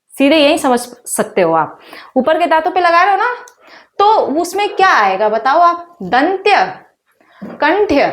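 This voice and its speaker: A woman teacher going through exam questions, asking her students questions and saying each sound aloud for them to repeat. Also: high-pitched. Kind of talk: exam-prep lesson.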